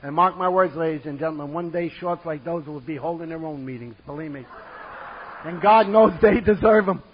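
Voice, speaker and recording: A man's voice: a little high, brisk, crowd noise. A man from New York with a New York accent, giving a comic, self-mocking talk about his past to a conference audience. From New York City. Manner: vivid, self-mocking and theatrical. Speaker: recovery meeting speaker. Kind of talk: comic personal storytelling to an audience. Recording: dull lo-fi conference tape.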